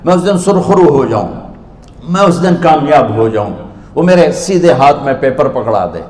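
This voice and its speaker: A man's voice: a little high, lively intonation, a little mellow. A man preaching a sermon to a live audience, speaking with passion and repeating phrases in a rhythm. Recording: echoey large hall.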